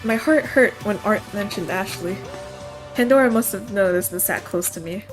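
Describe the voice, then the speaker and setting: A woman reads a story aloud casually, voicing lines and reacting playfully. Her voice sits at a middle pitch. Music runs behind the narration. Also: moderate pace.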